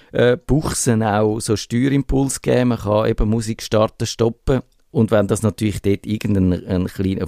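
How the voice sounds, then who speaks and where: A man's voice: on the low side, mellow, no room sound, studio quality. A man with a Swiss German accent co-hosting a casual tech radio chat, chatty and hesitant, laughing often. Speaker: radio tech show co-host.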